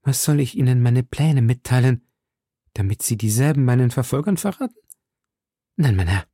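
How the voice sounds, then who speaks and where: A man's voice: mid-range voice, animated, moderate pace, dark tone, breathy edge, dry recording, clean studio sound. A man reading an audiobook, voicing a captive noblewoman who pleads fervently and passionately. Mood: pleading. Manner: impassioned, pleading.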